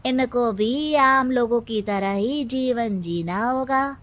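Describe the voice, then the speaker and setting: A woman's voice: fairly high pitch, takes it slowly, a bit bright. A woman voicing a cunning male village adviser, wheedling and insinuating as he schemes in a story. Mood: sly, scheming.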